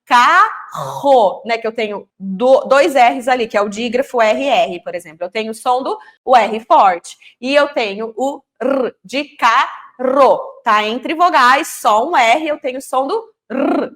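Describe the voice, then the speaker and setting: A woman's voice: fairly high pitch, moderate pace. Brazilian woman teaching letter sounds. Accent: Brazilian Portuguese. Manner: demonstrates letter sounds, explanatory and emphatic. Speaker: literacy teacher. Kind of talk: instructional explanation.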